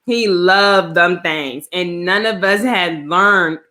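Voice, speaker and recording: Woman co-host, low and bright voice, casual food chat. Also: slow. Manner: relaxed, chatty, talks with her mouth full.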